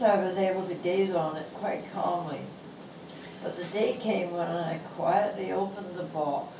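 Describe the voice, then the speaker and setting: Slow, gentle and amused, a woman in her nineties from Canada reads her own humorous essay inside a bookstore. Her lowish voice is thin, creaky and not strong. Picked up by a lapel mic while filmed from across the room, the recording carries echoey, distant shop sound and background noise.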